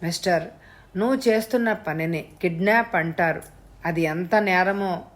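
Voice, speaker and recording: A woman's voice: on the low side, moderate pace, close to an everyday voice. Woman voicing an anxious rich father. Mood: shaken. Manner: shaken, pressing, indignant. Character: anxious rich middle-aged father pleading.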